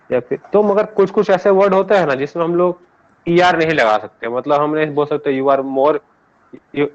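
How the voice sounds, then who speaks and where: Man, Indian accent, English teacher, patient explaining, mixes languages, quizzes students, slightly high voice, dull lo-fi recording. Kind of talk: classroom grammar lesson.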